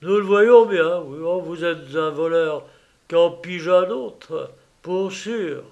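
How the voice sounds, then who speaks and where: A man's voice: on the high side, slow pace, creaky, voice pushed up. Man putting on a blustering furious millionaire. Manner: shouting threats, insulting.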